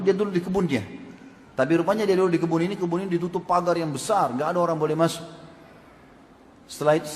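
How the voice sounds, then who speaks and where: A man's voice: on the high side, slight background noise. A man preaching a sermon, asking his audience questions and acting out quoted speech. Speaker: Islamic preacher. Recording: echoey hall with long reverb.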